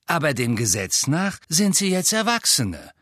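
Guy doing a tired dad voice, weary and patient, slow. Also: a little high, very animated, fairly bright tone, no room sound, studio quality, pitched above the performer's own voice, heavily acted. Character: tired, patient middle-aged father.

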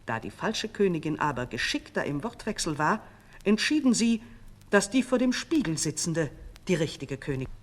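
Expressive woman narrating a fairy tale. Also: on the low side, moderate pace. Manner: expressive, dramatic storytelling. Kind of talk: storybook narration.

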